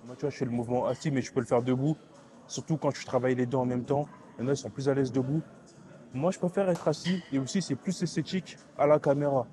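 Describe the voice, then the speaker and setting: A young man filming a workout vlog in a gym, talking to the camera in quick, clipped bursts and stumbling over repeated words as he stutters. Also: mid-range voice, dark tone. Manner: counts reps aloud while lifting, strained and breathy. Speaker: fitness vlogger. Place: gym, indoors.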